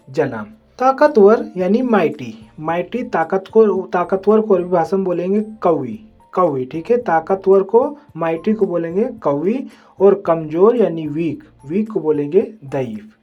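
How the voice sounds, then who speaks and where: A teacher leading a slow vocabulary lesson, saying each word several times and checking in with the listener often. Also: medium pitch, highs cut off. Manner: slow, repetitive drilling, says "ठीक है" often. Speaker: Arabic teacher. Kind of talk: vocabulary lesson, repeating words.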